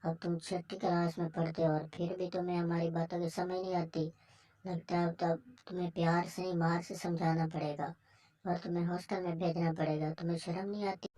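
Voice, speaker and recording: A woman's voice: on the low side, level tone, warm tone, distant mic, lightly acted, poor audio. A woman voicing a stern, sarcastic parent in a cartoon story. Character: stern parent threatening boarding school. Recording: voice set back from the mic.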